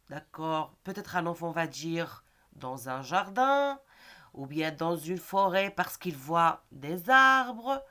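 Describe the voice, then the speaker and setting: Middle-aged woman teacher, unhurried, melodic. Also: mid-range voice, a bit bright. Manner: patient, repeats "d'accord?" after each point. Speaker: primary school teacher. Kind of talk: recorded lesson for teachers and pupils.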